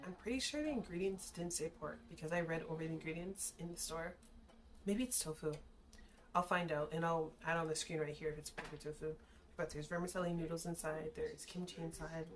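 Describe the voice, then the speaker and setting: A tipsy woman chatting casually to camera as she hosts a food video, slangy and given to swearing. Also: deep voice. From Caribbean background. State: tipsy from shots. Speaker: mukbang and drunk-cooking video host. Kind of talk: casual chat to camera while eating and cooking.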